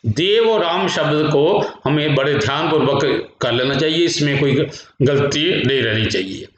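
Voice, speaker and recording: A man from India teaches a grammar lesson, reciting word forms in a slow singsong drill with a slightly high voice. The sound carries heavy room echo and is muffled and lo-fi. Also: slight background noise. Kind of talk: classroom lecture with recitation. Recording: echoey room, dull lo-fi sound.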